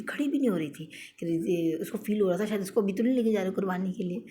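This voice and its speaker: Young woman vlogger, chatty storyteller, warm low voice, faint background hiss. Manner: chatty, storytelling with many fillers. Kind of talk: casual vlog voice-over narration.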